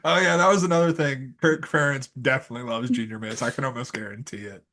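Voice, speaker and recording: A man's voice: mid-range voice, steady tone, fast. A man co-hosting a sports podcast, casual and slangy, laughing often between remarks. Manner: loud laugher, slangy, says bro and baby. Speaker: podcast co-host.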